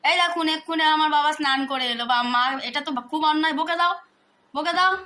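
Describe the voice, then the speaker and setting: Woman vlogger, high voice, crisp bright tone, coaxing, teasing. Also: quick pace, a little hiss or hum. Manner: coaxing, teasing, urging others to speak up. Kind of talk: casual family vlog.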